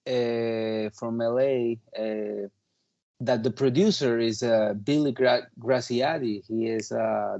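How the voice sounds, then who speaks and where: A Peruvian man in his thirties, a native Spanish speaker and touring drummer, is a talkative interview guest who chats casually and sprinkles in lots of "like" and "you know." His voice is mid-range, and the recording has its highs cut off.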